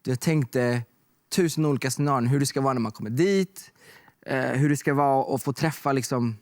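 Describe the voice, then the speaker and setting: A young man talking as a guest, telling stories in a relaxed way with many fillers. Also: mid-range voice, no room sound, clean studio sound. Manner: relaxed storytelling with fillers like "liksom" and "typ". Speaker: guest artist. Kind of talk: casual chat.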